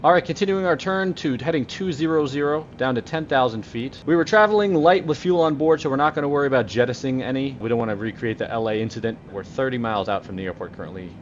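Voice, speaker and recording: A man playing an airline pilot over a cockpit headset mic, making radio calls and narrating in a brisk, dry, joking way with casual swearing. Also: medium pitch, highs cut off, slight background noise. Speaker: flight simulator streamer playing airline pilot.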